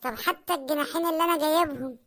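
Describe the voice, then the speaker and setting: Fairly high and fairly bright, the voice belongs to a cartoon husband played by a woman, rattling off complaints about prices and pleading for a real meal in Egyptian Arabic. The grumbling comedy delivery is whiny throughout.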